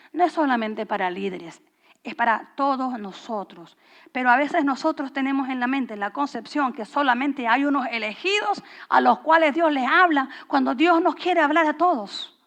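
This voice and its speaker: A woman's voice: high voice, creaky, fairly bright tone. A middle-aged woman pastor preaching a sermon in a conversational, storytelling way, acting out the lines of the people in her stories.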